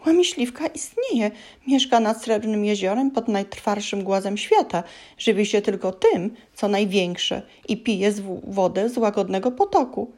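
A woman voicing a tiny, timid male elf who pleads and stammers in a high, whimpering voice. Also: a little slow, darkish tone, close to an everyday voice. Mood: stammering, nervous.

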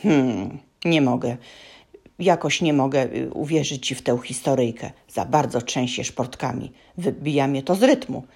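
A woman voicing a big, greedy male giant who grumbles in a lowered voice. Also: moderate pace, vocal fry, a little mellow, breathy edge, full character voice. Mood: suspicious, grumbling. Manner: low, grumbling, mocking.

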